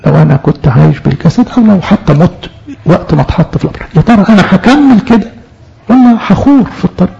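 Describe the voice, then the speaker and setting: A man's voice: high-pitched, lively intonation, fast talker, creaky, mellow, muffled recording, slight background noise. A man with an Egyptian accent preaching a sermon on scripture, asking rhetorical questions and speaking in the voice of the soul. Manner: rhetorical questions, voices the soul's own words.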